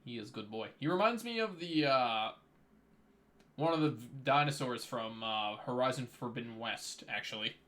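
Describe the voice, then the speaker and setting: A man's voice: mid-range voice, normal speed, a bit bright. A man streaming live, chatting casually and reading card text aloud, while his voice is starting to give out. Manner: reads card text aloud in a plain running commentary. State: losing his voice.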